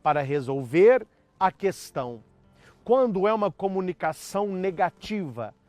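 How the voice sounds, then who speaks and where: A man's voice: high-pitched, very animated, a little slow, darkish tone, no echo, faint music behind. A man preaching as a priest, delivering an emphatic sermon with acted-out quotes. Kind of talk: sermon on marriage.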